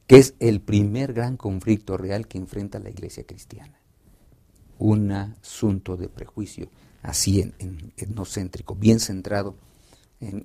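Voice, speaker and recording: A male pastor explaining a Bible study lesson in a lively conversational way, acting out short dialogues. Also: on the low side. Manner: expressive teacher, acts out dialogue, many restarts.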